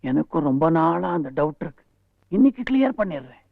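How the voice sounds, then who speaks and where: A man's voice: fairly high pitch, sing-song, fairly quick, gravelly, dry recording, full character voice. An actor playing an older father-in-law in a film comedy, talking in a coaxing, insistent way. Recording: dull lo-fi film soundtrack.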